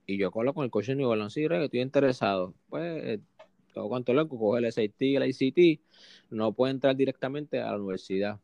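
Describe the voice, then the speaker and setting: A young Puerto Rican man tells his story as an interview guest, animated and quick to act out quotes, often restarting. His voice sits at a middle pitch. The sound is dry and close. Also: vocal fry, no echo. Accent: Puerto Rican Spanish. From Puerto Rico. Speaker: guest, basketball player.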